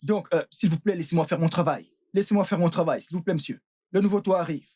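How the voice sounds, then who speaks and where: A polite workman who pleads and reassures in a mid-pitched voice, voiced by a dub actor. He keeps a respectful tone. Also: quick pace, darkish tone, slightly rough, close to an everyday voice. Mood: pleading. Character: polite male roof worker. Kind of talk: dubbed film acting.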